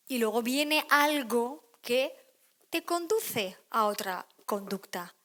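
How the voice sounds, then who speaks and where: A woman giving a conference talk on emotional education to an audience, lively, acting out quoted voices. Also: fairly high pitch. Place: lecture hall.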